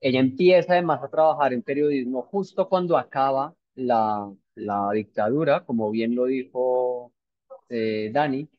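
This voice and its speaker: A man's voice: mid-range voice, a little slow, no room sound. A man presenting a novel to a book club in a thoughtful, hesitant way, with many fillers and tag questions. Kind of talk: informal book discussion talk. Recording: dull lo-fi sound.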